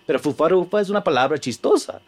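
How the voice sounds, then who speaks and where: A man from the United States with an American accent, a comedian guest on a podcast explaining his craft in halting Spanish, slipping in English fillers. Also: a little high, animated. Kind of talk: casual podcast conversation.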